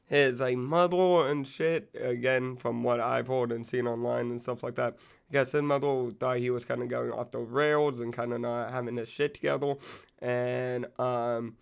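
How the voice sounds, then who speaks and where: This young music channel host has a gravelly, flat, medium-pitched voice and talks at normal speed. He's getting over being sick and losing his voice, and his casual music commentary rambles loosely with lots of fillers and swearing.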